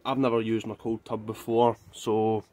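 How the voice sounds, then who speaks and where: A man's voice: fairly low pitch, level tone, normal speed, a little mellow. A young man with a Scottish accent chatting casually to camera as a vlogger. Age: young adult. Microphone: phone at arm's length. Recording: faintly noisy phone recording.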